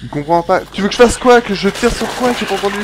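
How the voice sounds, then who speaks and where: A man with a slightly high voice talks over his game in a casual, excitable way, chattering and yelping as things happen. Clear game noise runs behind him. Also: fast. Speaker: gaming YouTuber.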